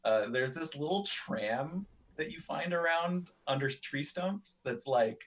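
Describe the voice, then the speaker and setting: A man offers rambling, casual commentary over a video game as a let's play commentator, full of fillers and the occasional swear. His voice is fairly high, a bit bright, and animated, though he talks slowly.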